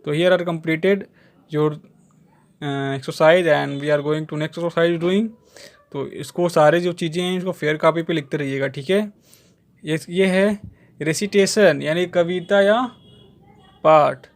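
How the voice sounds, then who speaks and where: A man, teaching a school exercise. He reads the lines slowly, then explains them in Hindi, often adding a checking filler. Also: a little high. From India. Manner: keeps adding a checking "theek hai" as a filler.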